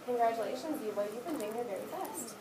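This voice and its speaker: An elementary school teacher gives young children a read-aloud lesson in an indoor classroom, offering short, directive instructions and praise. Her voice is a little high and fast, and the recording sounds roomy and distant, with clear background noise.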